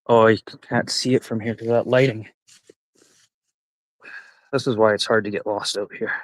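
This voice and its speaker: A man's voice: fairly low pitch, level tone, normal speed, no echo, poor audio. A Canadian man in his forties rambling casually and profanely on a live stream while hiking a forest trail. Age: 40s.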